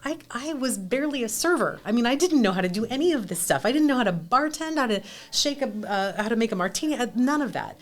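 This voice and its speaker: A woman in her forties, a restaurant owner guesting on a podcast, talking in an animated, candid, self-deprecating way with frequent restarts. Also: on the high side, fast talker. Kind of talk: conversational interview.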